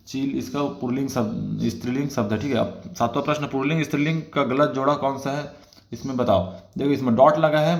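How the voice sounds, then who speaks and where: Guy walking thru exam questions like a tutor, keeps saying ok, middle pitch, roomy echo. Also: darkish tone. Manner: explanatory, repeats "theek hai" as filler. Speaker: exam prep teacher.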